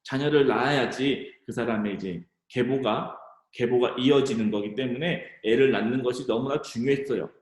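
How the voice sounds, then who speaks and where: A man preaching to middle schoolers, retelling a Bible story in an animated, conversational way. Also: mid-range voice, moderate pace, hardly any pauses. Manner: animated storytelling, addressing teens directly. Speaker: youth pastor. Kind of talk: youth sermon. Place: church. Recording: echoey church hall.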